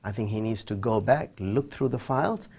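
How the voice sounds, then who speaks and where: A man's voice: on the low side, moderate pace, vocal fry, darkish tone, slightly rough. A middle-aged man with a Fiji Indian accent, giving emphatic, articulate interview answers in formal language in a TV studio. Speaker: human rights official, interview guest. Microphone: lapel mic.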